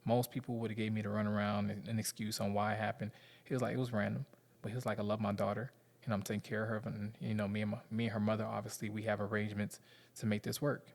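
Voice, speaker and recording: A man's voice: on the low side, little pitch movement, fast, gravelly. A man in his thirties with a Southern US accent, talking candidly and rambling to his viewers in slangy casual speech. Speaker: vlogger.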